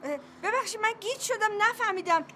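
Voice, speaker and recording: Fretful mom, worried, really high sharp voice. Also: female voice, slight background noise. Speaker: wife and mother. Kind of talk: TV drama acting.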